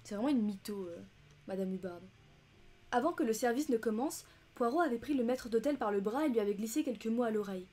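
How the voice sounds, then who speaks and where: A woman reading a novel aloud, steady, with casual asides and quick self-corrections. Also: a little high. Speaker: audiobook reader.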